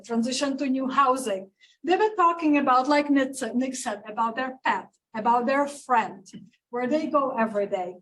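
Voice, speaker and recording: A woman researcher giving a presentation at an event, talking with many fillers and pauses. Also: a little high. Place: event room. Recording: distant mic with faint room noise.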